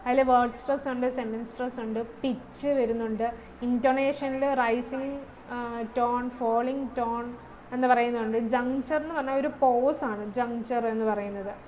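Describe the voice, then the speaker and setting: Lady teacher, high voice, explains step by step and keeps asking the students if they got it, faint hum behind. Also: fairly even intonation, moderate pace, a little mellow, low-quality recording. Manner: mixes English terms into explanation, checks with students. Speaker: English teacher. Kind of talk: online class lecture.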